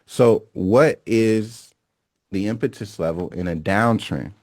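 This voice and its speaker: A man's voice: fairly low pitch, slow pace, a little mellow, no room sound, clean studio sound. A man teaching a recorded lesson on reading market charts. He talks emphatically, repeats key phrases and keeps checking in with "okay?" and "right?". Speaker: trading instructor.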